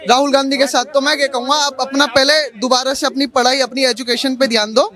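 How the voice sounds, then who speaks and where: A man's voice: very high voice, flat delivery, fast talker. A man giving heated, emphatic opinions in a street debate. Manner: forceful and emphatic. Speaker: street interviewee. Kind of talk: heated political argument.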